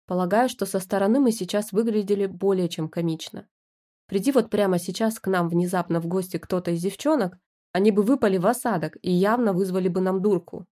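A woman's voice: medium pitch, a little fast. Woman narrating a story wryly. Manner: lively, wry storytelling. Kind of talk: first-person storybook narration.

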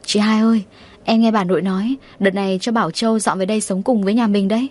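A woman's voice: mid-range voice, fairly even intonation, quick pace, close to an everyday voice. A woman reading the lines of a younger girl in the family who passes on secrets in an audiobook. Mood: urgent. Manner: hushed, urgent. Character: younger sister-in-law, gossipy young woman.

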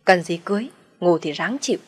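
Chị đọc truyện nhại cô gái trẻ chanh chua, hay bĩu môi. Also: female voice, lowish voice, expressive, a little fast, slightly rough, soft background music. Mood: scornful. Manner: sneering. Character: spiteful young woman, scornful sister-in-law.

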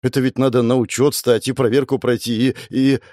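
A man's voice: mid-range voice, flat delivery, brisk, mellow, dry recording, studio quality, lightly acted. A man voicing an anxious, timid young woman who talks in a flustered, pleading way.

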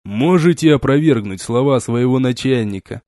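A man voicing a stern, weary starship captain who gives slow, measured commands in an audiobook. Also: medium pitch, expressive, mellow, no echo, studio quality, lightly acted. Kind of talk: audiobook character reading.

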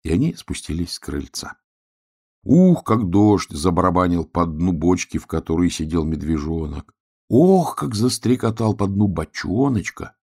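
A man's voice: low voice, animated, moderate pace, darkish tone, husky. A man reading a children's storybook aloud, narrating expressively.

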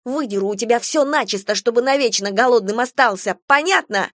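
A woman voicing a vicious young girl with a bratty, taunting, shrill manner. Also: fairly quick, fairly bright tone, dry recording, clean studio sound, close to an everyday voice. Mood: tearful fury. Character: feral young girl turned vicious predator.

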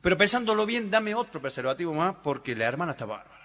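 A man's voice: sing-song, pushed and bright. A man with a Rioplatense Spanish accent doing stand-up, rattling off jokes and acting out his characters' lines. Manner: rapid joke delivery, voices his characters' lines with pitch jumps. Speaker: stand-up comedian. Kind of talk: stand-up joke telling. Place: live stage show. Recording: reverberant live hall, noisy. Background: audience laughter and applause.

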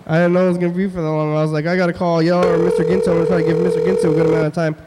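Young fast-talking man hosting a call-in show. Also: fairly high pitch, flat delivery, big-room sound, very noisy. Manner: talks fast, slurs his words. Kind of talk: casual phone-in chat.

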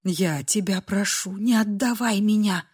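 A woman voicing a frightened young woman who pleads in a hushed, timid voice. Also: medium pitch, a little slow, husky. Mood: pleading. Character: frightened young woman begging not to be sold.

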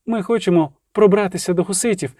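A man's voice: sits high, fast talker, dark tone, no echo, clean studio sound. A man voicing a frightened young woman who speaks weakly and strained. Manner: weak, strained.

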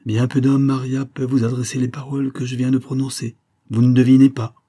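A man's voice: medium pitch, flat delivery, a little fast, mellow, close to an everyday voice. A man reading an audiobook, voicing a bitter old former prisoner who urges and accuses with sombre energy. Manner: insistent, sombre and urgent.

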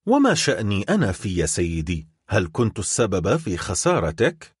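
A proud, sharp-tongued baroness, scornful and indignant, as a male narrator voices her. The husky voice rises a little and moves widely in pitch, recorded dry and close. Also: huge pitch swings, moderate pace, dry recording, full character voice.

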